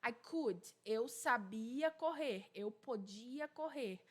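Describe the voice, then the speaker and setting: A young woman who speaks Portuguese natively, teaching an English grammar lesson in a casual, chatty way and slowly repeating the example words. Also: a little high, expressive.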